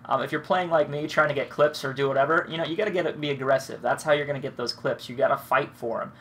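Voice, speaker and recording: A young gaming commentator with a cold and blocked nose talks quickly in a steady, medium-pitched, fairly bright voice. His commentary on his own play is rambling and relaxed, with free swearing. A little hiss or hum can be heard.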